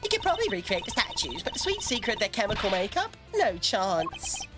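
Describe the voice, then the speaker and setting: Smug, chirpy sweets expert, quick and sing-song, as a woman puts it on. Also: mid-range voice, wildly swooping pitch, over loud music.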